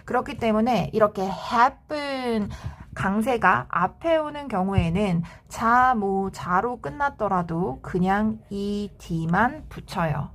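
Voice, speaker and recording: Female English tutor, slow and patient, step-by-step explainer, mid-pitched. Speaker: English grammar teacher. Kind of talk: scripted grammar lesson.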